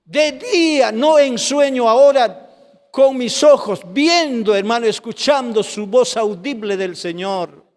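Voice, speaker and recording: A high-voiced man preaches his own testimony with fervent, pleading emotion, often addressing the listener as brother. His voice rings out in a hall with long reverb. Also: measured pace. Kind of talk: testimony sermon.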